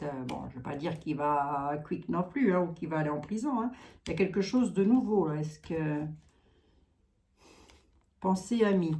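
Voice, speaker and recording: Mellow-voiced woman with a Lorraine accent. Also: fairly low pitch. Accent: Lorraine French. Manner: muses aloud, trailing asides, frequent tags. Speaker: tarot card reader. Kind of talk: live tarot reading.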